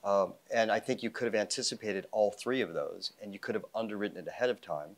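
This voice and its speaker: Low-voiced man on a conference panel. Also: fast talker. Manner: confident, wry, with frequent 'you know' fillers. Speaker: investment fund founder on a panel. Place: conference stage before a live audience. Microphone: lapel mic.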